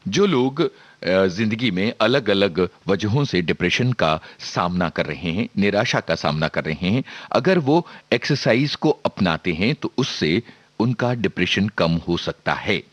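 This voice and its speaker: Measured, lively man presenting on radio. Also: fairly low pitch, no echo. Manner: measured, informative, with frequent filler pauses.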